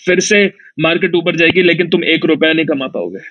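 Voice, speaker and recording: A man from Nepal with a high-pitched voice delivers a preachy, taunting rant, warning listeners and mocking rivals in a mock-serious tone. He talks into his own device in an online audio room, and the sound is dull and lo-fi. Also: a little fast. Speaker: market commentator in an audio chat room.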